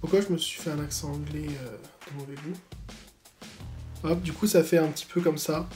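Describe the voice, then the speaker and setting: A man hosting a casual makeup tutorial at home, talking in slangy asides and breaking into excited exclamations. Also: fairly high pitch, moderate pace, over music. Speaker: beauty YouTuber.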